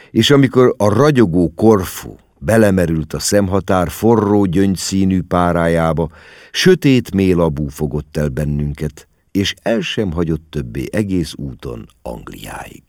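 A deep male voice telling a story with a lot of melodic movement. He reads the prose expressively, close and dry with no room sound. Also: a little mellow, dry recording. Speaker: audiobook narrator. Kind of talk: scripted literary narration.

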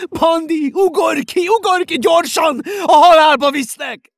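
A man's voice: very high-pitched, creaky, no room sound, raised voice, studio quality, pitched above the performer's own voice. A man voicing a big motherly mare in a storybook reading, crying out desperately.

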